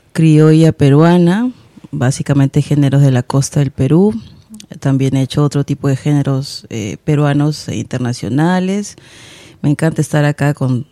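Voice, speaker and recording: Mellow, relaxed guitarist woman. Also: extremely low pitch, no echo. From Peru. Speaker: guitarist guest.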